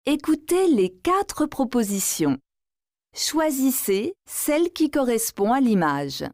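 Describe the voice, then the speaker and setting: A woman reading exam instructions in a slow, clearly articulated scripted style. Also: high-pitched, very animated, darkish tone, no room sound, clean studio sound.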